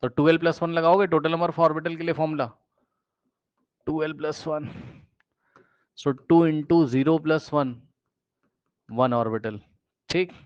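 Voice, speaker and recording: A man's voice: fairly high pitch, steady tone, slow, pauses often, dry recording, dull audio. A male chemistry teacher giving an exam-prep lecture, repeating his questions to students and working through each step.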